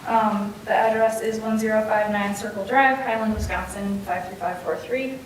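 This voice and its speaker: Flat-voiced woman in a very echoey room. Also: moderate pace. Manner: flat, matter-of-fact. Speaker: company representative presenting to a board. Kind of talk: prepared formal presentation. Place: indoor public hearing room. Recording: very echoey room, distant mic, faint rumble.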